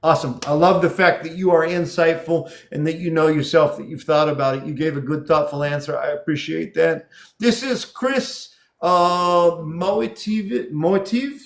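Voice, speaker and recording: Male live-show host, fairly high voice with heavy vocal fry, encouraging, casual, repeats himself for emphasis. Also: level tone, brisk, hardly any pauses. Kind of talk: casual live hosting and interview.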